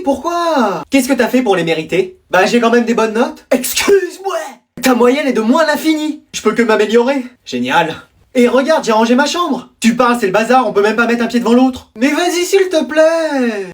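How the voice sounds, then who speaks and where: A man acting out a comedy sketch as a teacher, parents and pupils, switching quickly between them. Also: very high voice. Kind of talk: scripted school comedy sketch.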